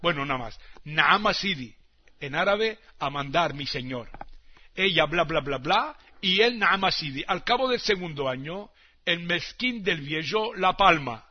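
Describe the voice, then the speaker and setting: A man's voice: fairly high pitch, lively intonation, measured pace, husky, highs cut off. A man from Tangier, telling a teasing comic monologue to an audience and dropping in words from other languages. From Tangier, Morocco. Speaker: comic storyteller.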